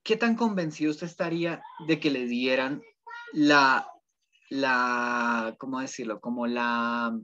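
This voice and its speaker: Teacher lecturing over a video call. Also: male voice, mid-range voice, slow pace, pushed and bright. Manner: conversational, asks "¿sí?" often, rephrases. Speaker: ethics teacher. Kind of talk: online class lecture. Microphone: computer mic on a video call. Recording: dull lo-fi video call audio.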